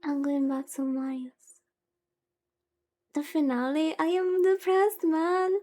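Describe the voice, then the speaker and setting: This woman streamer hosts a visual novel playthrough as a VTuber, chatting casually and lamenting with playful drama. Her high voice is warm and level, and she takes things slowly, with music playing behind her.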